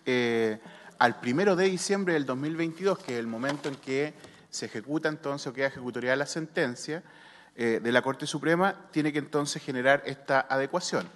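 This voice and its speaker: Chilean male official, measured and halting, reverberant hall. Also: fairly high pitch. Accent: Chilean Spanish. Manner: measured, frequent hesitations. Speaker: health superintendent. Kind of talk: official technical explanation. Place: senate committee room.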